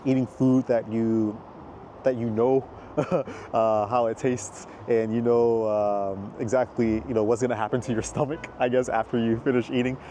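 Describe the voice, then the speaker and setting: An American man walks along a city park walkway while vlogging, talking in a rambling, chatty way full of fillers. His mid-range voice is mellow with little pitch movement at a moderate pace, with slight background noise.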